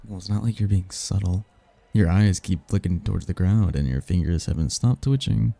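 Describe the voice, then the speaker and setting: Here the same kind of ASMR-style roleplay features a man as a seductive demon prince, smooth-talking, playful, teasing, and bored. His voice is deep, gravelly, and husky with a warm tone, and he sounds observant and coaxing while drawing out smug, flirtatious lines. No room sound is present.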